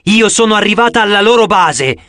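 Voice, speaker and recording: A man voicing an angry, hot-tempered teenage girl in an audiobook, shouting and defiant. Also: high-pitched, lively intonation, moderate pace, no echo, clean studio sound, pitched above the performer's own voice. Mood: furious. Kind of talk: audiobook character voice.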